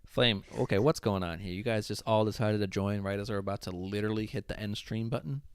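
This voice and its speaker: A young man with a fairly low voice hosts a casual livestream, talking loud and lively to his chat. His voice sounds a bit worn, and it is recorded dry and close. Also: quick pace, clear, resonant tone, dry recording. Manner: loud, animated, talks to chat. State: voice giving out. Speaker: livestream host.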